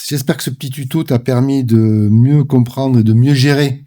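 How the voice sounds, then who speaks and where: A man's voice: medium pitch, normal speed, very noisy. A man hosting an audio mixing tutorial, explaining step by step with frequent fillers. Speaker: studio tutorial host. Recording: music playing behind voice. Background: background music.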